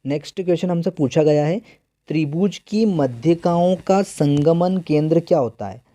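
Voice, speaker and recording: A man teaches an exam-prep math lesson in a warm, slightly high voice at normal speed, posing questions to his students, answering them himself, and repeating key terms again and again. The room is echoey, with guitar music playing behind him.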